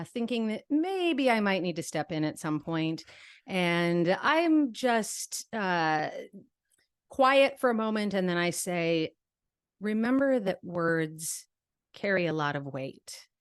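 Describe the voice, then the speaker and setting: Woman player, lowish voice, dry sound, brisk explanations. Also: smooth, no room sound. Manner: explains quickly, descriptive. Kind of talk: tabletop game play.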